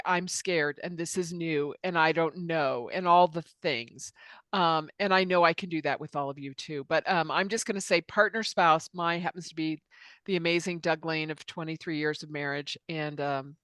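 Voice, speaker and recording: Smooth-voiced candid middle-aged woman. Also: sits low, fairly bright tone, no echo. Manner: candid and self-deprecating, laughs while telling stories. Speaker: co-host. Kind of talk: casual podcast chat.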